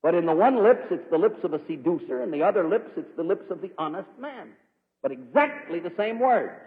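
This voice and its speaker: A man preaching an emphatic sermon, swinging from loud declarations to hushed warnings. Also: high-pitched. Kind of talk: fiery sermon. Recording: tinny lo-fi recording with long hall reverb.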